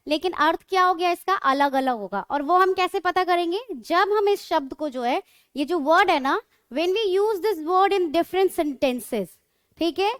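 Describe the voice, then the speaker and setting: A woman's voice: high voice, a bit bright, dry recording, clean studio sound. A woman teaching English grammar in a classroom lecture, explaining patiently and often checking that students follow.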